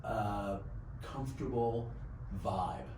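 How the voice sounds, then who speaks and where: Low-voiced man, echoey and distant. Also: takes it slowly, noisy background. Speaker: actor. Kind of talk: press junket interview.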